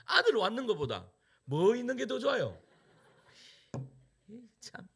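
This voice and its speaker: A middle-aged man preaching as a pastor, telling a personal story with sudden loud peaks and hushed asides. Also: very high-pitched, huge pitch swings, measured pace, breathy edge.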